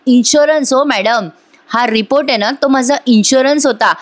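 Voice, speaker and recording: A woman's voice: sits high, moderate pace, lightly acted. A woman voicing a cornered male witness explaining his testimony in court, in her own voice.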